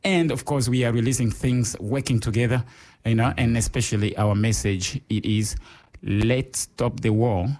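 A chatty man from Rwanda, co-hosting a radio show in a relaxed, casual way. His voice sits at an ordinary middle pitch, and he talks with lots of animated jumps and friendly fillers. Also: moderate pace. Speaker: radio co-host.

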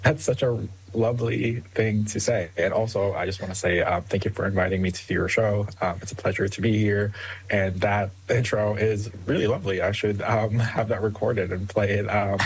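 A young Filipino man whose first language is Tagalog answers interview questions as a guest author, with plenty of ums and soft laughs. His voice is fairly low, husky, and steady at normal speed, on a low-quality recording.

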